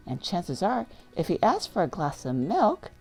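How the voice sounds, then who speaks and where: Casting: female storybook reader, low register, unhurried and lively, with chatty off-the-cuff asides. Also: husky, faint music behind. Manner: informal, commenting on the story as she reads. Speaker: children's book reader. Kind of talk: read-aloud storytelling with casual asides.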